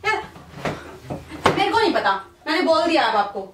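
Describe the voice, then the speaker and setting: A woman's voice: extremely high pitch, sing-song, normal speed, heavy background noise. A woman scolding her husband in a heated argument, repeating the same short question, recorded in a bedroom at home. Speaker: prank video creator. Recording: echoey room, far from mic, music behind.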